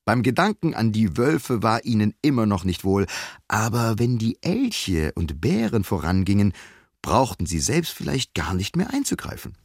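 A man reading a children's audiobook aloud, with lively, expressive storytelling. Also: fairly low pitch, normal speed, slightly rough, dry recording, studio quality. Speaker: audiobook reader.

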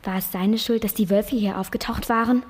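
A young girl reading a children's novel aloud, breathy and expressive. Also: mid-range voice, a little fast. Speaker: reading contest winner.

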